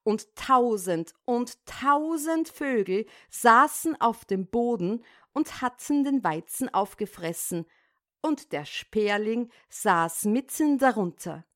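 A woman reading a fairy tale aloud in a calm, measured storytelling manner. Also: fairly high pitch.

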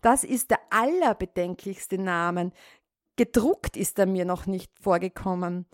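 A woman voicing a good-natured, trusting little female mouse in a storybook reading, earnest and quick to exclaim. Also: medium pitch, dry recording, clean studio sound, lightly acted. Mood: puzzled.

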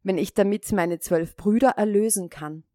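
A woman voicing a gentle, devoted young princess in a fairy tale, speaking softly and earnestly. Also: medium pitch, normal speed, no room sound, clean studio sound, natural voice.

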